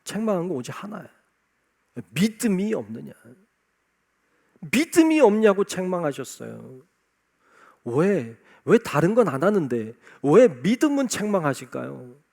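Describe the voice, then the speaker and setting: Lively high-voiced male preacher. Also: normal speed, gravelly. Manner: emphatic, repeats key phrases. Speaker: pastor. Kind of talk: sermon. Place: church sanctuary.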